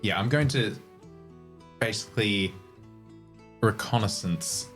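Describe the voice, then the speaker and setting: A man's voice: fairly low pitch, animated, slow pace, a bit bright. A man chatting casually as a player in a tabletop role-playing game, describing what he will do. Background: music.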